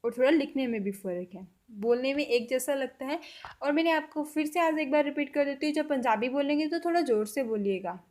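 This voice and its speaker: A woman with a high voice gives a casual spoken language lesson. She repeats each example phrase slowly and deliberately, and she drops English words into her explanations. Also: a little mellow. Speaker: language teacher.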